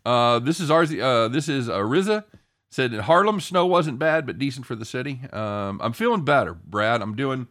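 A man's voice: mid-range voice, lively intonation, normal speed, fairly bright tone. A man hosting a live sports betting show in casual, jokey banter, irreverent and given to casual swearing.

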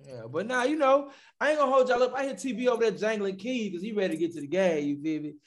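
Fast, high-voiced frat-bro young man. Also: expressive, over a noisy crowd. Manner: bantering frat-bro slang, heavy swearing; repeats himself emphatically. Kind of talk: casual chat, storytelling.

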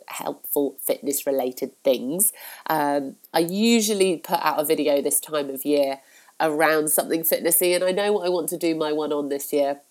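A woman hosts a solo podcast in a chatty, encouraging style, using frequent fillers. A cold has left her nose blocked. Her voice sits low and has a darkish tone.

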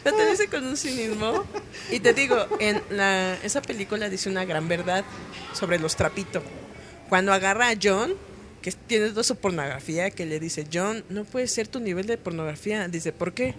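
A woman with a Mexican accent chatting casually as a podcast co-host, lively and acting out quotes in silly little voices. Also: medium pitch, moderate pace, slight background noise. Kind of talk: casual chat. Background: background music.

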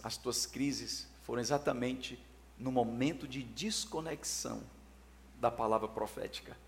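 A man in his forties delivers a sermon at a mid-range pitch. He preaches emphatically, with ringing, raised declarations that drop to hushed, personal asides. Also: vocal fry, a little hiss or hum. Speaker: pastor.

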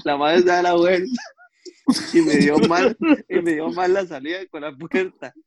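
Man, young adult, Costa Rican accent, slightly high pitch, casual anecdote. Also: normal speed, a crowd in the background, rough recording. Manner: lively anecdote telling, slangy. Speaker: podcast co-host. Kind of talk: casual chat.

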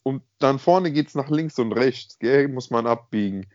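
A man's voice: medium pitch, a little slow, darkish tone, no room sound. Slangy young man on a dull call recording. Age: young adult. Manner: slangy, emphatic, peppered with filler address words. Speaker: podcast co-host. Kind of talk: casual chat and storytelling. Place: at home on an internet call. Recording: slightly dull internet call audio.

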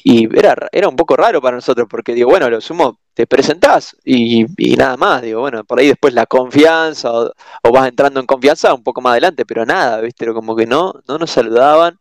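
A man with an Argentine accent, a guest in a casual conversation, talking hesitantly with many pauses and restarts. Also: medium pitch, dry recording. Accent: Argentine Spanish.

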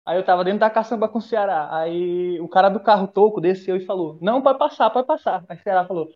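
A man's voice: high-pitched, fairly even intonation, quick pace, dull audio. A young man, telling a rambling, profane story to friends over a call, full of restarts. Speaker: guest. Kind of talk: casual storytelling among friends. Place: bathroom, during an online class.

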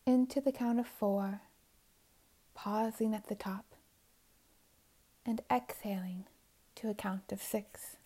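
A woman guiding a meditation in a soft, soothing voice, often drifting into whispers. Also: medium pitch, fairly even intonation, takes it slowly, long pauses. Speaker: meditation guide. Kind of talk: guided meditation narration.

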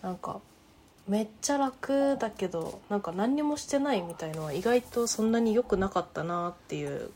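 A woman hosts a casual conversation in a relaxed, easygoing way, laughing often. Her voice sits in an ordinary middle range. A faint hiss of noise is heard behind her. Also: medium pitch, normal speed. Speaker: host. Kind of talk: casual chat.

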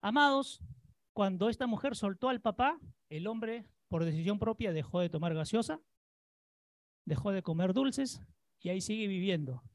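A preacher giving a sermon, urging and commanding the listeners and mocking their excuses with whiny imitations. The voice swings between loud emphasis and a lowered tone. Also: lively intonation, normal speed, no echo. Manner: mocks people by imitating their whining.

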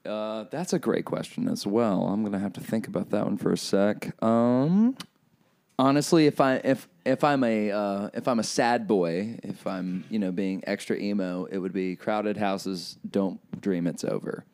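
A man's voice: lowish voice, normal speed, darkish tone. A man hosting a podcast in casual chat, joking and poking fun at himself. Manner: joking, self-mocking. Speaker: podcast host.

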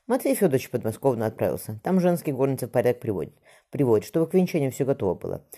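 A narrator voicing a gentle, frightened boyar's wife who speaks softly and pleads with her husband. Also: a bass voice, very animated, very fast, heavily acted. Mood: mild.

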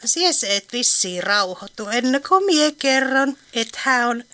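A woman's voice: on the high side, expressive, bright, forceful tone. An actress playing a dry, teasing elderly woman with an Eastern Finnish dialect in a radio play. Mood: wry. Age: older. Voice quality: wry, teasing.

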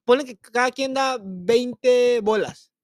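A man's voice: very high-pitched, no echo, clean studio sound. A young man, co-hosting a casual podcast chat, talking in crude slang and arguing his point. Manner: crude slang, fast, argumentative. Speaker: podcast co-host.

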